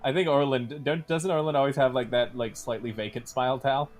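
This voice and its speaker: Man, medium pitch, easygoing game master narration, faint guitar music behind. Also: fairly even intonation, fairly quick.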